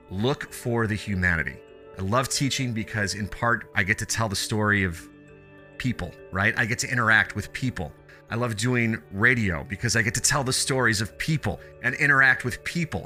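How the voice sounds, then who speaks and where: A man's voice: lowish voice, pushed and bright. A man speaking as an interview guest, reflective and earnest, repeating phrases for emphasis in a conversational way. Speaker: podcast guest, teacher and radio show host.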